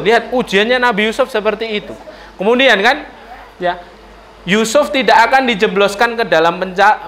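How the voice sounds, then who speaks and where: A man with a Javanese accent giving a lively storytelling sermon in a mosque, often turning to address the ladies in the audience. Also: sits high, slight background noise. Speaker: preacher. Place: mosque hall.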